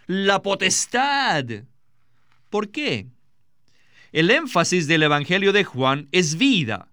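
A man's voice: high-pitched, bright, forceful tone, smooth, no echo. A man voicing a preacher's sermon in a close, dry studio recording, emphatic and asking and answering his own questions. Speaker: voice-over interpreter of a preacher. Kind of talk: dubbed sermon.

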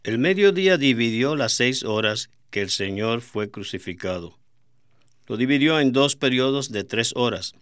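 A man's voice: mid-range voice, animated, normal speed, a bit bright, smooth, no room sound, studio quality. A man co-hosting a Bible study program, explaining in a teaching tone.

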